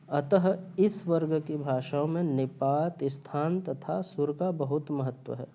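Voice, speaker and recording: Man, grammar teacher, very slow delivery, deep mellow tone, repeats himself to explain. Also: dull audio. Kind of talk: recorded linguistics lecture. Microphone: phone or screen recorder.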